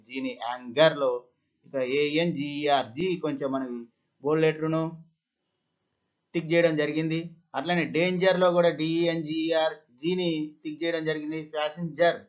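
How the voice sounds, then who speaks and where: A man with a Telugu accent talks through an exam-prep phonetics lesson, spelling words out letter by letter. His voice sits a little high for a man. The recording sounds dull and lo-fi. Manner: explains step by step, mixing Telugu with English words. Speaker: English teacher.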